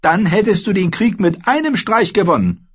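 A man reading an audiobook, voicing a sharp-tongued, mocking young noblewoman who lectures her brother. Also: high voice, very animated, moderate pace, husky, muffled recording, pitched above the performer's own voice, full character voice. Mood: scornful. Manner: scornful, lecturing, needling. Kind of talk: audiobook character voice.

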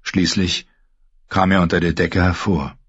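A man narrating a story in a calm, measured storytelling manner. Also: deep voice, slightly rough, no room sound. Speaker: audiobook narrator. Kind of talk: scripted narration. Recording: dull lo-fi recording.

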